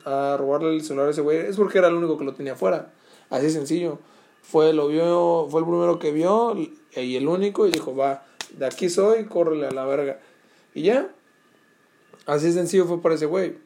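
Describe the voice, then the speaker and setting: Addressing his viewers, a young man with a Mexican Spanish accent restlessly retells a story in casual slang loaded with cursing and fillers. He's a vlogger whose voice runs on the high side with a dark tone.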